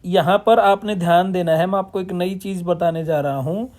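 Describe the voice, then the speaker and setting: A man's voice: sits high, fairly even intonation, moderate pace, darkish tone. A man teaching a lesson, asking and answering his own questions and mixing English terms into his Hindi. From Punjab, India. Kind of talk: classroom-style lesson explanation.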